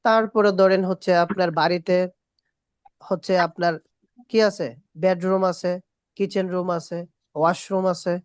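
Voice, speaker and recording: A woman teaching a spoken English class, repeating short English phrases slowly and quizzing her students. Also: lowish voice, steady tone, a little mellow, no echo, studio quality. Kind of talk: classroom lesson.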